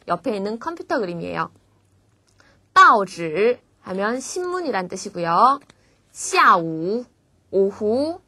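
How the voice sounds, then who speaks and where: A Korean woman teaching a beginner Chinese lesson, patiently modelling each word slowly before explaining it. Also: on the high side, bright, forceful tone, no echo.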